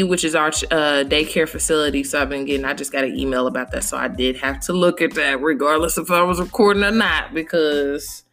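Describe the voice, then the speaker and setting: A woman's voice: low voice, a bit bright. Blunt profane woman podcasting solo. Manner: blunt, profane, chatty, with frequent asides to listeners. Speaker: podcast host. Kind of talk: casual solo podcast rant. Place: home recording space.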